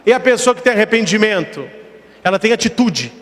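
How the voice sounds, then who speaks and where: A man's voice: sits high, expressive, a little fast, a bit bright, in a large hall. A man, a priest giving a sermon with rhetorical questions and emphatic repetition.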